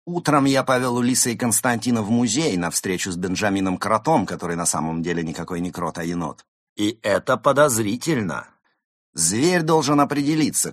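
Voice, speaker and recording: A man doing a fussy, excitable diarist. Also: mid-range voice, no echo, clean studio sound, pitched above the performer's own voice, natural voice. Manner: fussy and exclamatory. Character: excitable, fussy male diary writer.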